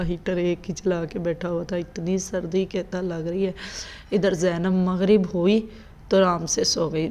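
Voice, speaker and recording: A woman's voice: lowish voice, mellow, poor audio. A woman, chatting casually in a home vlog and quoting her children. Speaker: mother and family vlogger.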